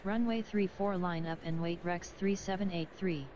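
A woman voicing a calm pilot over the radio. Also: on the low side, moderate pace. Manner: clipped, formulaic readbacks. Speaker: airline pilot reading back clearances. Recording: lo-fi radio with clear noise.

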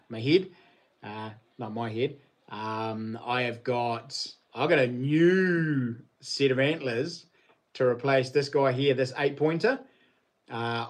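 A man's voice: medium pitch, a bit bright. A middle-aged man with a broad New Zealand accent, chatting casually and matily to viewers as a livestream host, in a laid-back, slangy way. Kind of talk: casual chat to live viewers. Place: living room at home.

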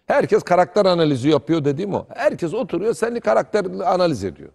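Middle-aged man, sports pundit, lively swooping delivery, fiery argumentative tone, somewhat high voice. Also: fast talker, vocal fry, slight background noise. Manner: heated, animated arguing. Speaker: sports commentator. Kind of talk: studio sports talk.

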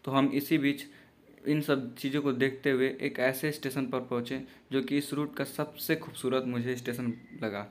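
A man's voice: medium pitch, level tone, normal speed, a little hiss or hum. A young man narrating his train journey as a voice-over, in a casual, loosely worded way with restarts. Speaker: travel vlogger.

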